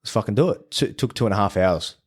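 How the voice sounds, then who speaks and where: Podcast guest: Australian man with a deep voice, casual and profane storyteller, acts out dialogue. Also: quick pace, breathy edge. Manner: swears freely, animated retelling of conversations.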